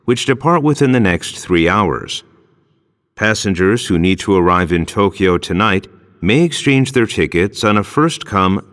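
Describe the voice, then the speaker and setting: A man plays a courteous airline announcer making a formal airport announcement. His voice is fairly low, with very varied intonation. It rings out with long reverberation, as in a big hall. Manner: measured, formal, clearly scripted delivery. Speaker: airport announcer in a listening test. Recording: long hall reverb, public-address sound.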